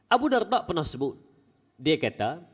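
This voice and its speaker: A male preacher giving a Friday mosque sermon as an animated storyteller with folksy asides. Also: fairly high pitch, moderate pace, slightly rough, in a large hall. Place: small mosque prayer hall.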